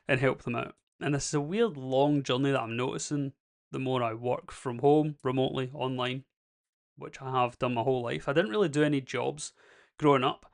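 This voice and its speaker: A man's voice: medium pitch, vocal fry. A young man talking casually to camera, rambling with lots of "basically" and "like" fillers. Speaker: creator vlogging. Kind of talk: casual reflective monologue.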